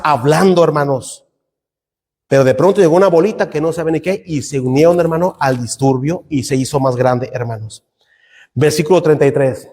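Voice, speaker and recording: A man's voice: a little high, darkish tone, in a large hall. A middle-aged Mexican man preaching a fervent sermon in a Mexican Spanish accent, calling out to the brethren every few words. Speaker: pastor.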